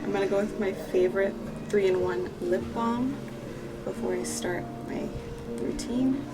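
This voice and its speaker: A woman's voice: mid-range voice, a little slow, recorded from a distance, loud music behind the voice, poor audio. A woman in her twenties chatting reflectively as she does her makeup by a pool, with lots of "like" fillers. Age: 20s. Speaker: vlogger. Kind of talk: casual get-ready-with-me chat. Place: outdoors by a pool on holiday.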